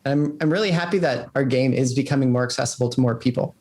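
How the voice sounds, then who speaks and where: Speaking at a quick pace in a medium-pitched, darkish voice, a man fields interview questions as a game developer. His answers ramble casually, with "like" sprinkled throughout.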